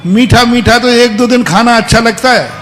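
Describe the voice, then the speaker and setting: A man, a Jain monk, giving a sermon, telling stories with sudden loud emphatic bursts and quiet asides. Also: very high-pitched, normal speed. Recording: long hall reverb with faint background hum.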